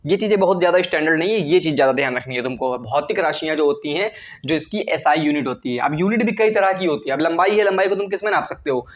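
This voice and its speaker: Lecturing his students in chemistry, this man speaks quickly in a slightly high voice. He regularly poses questions and supplies the answers himself.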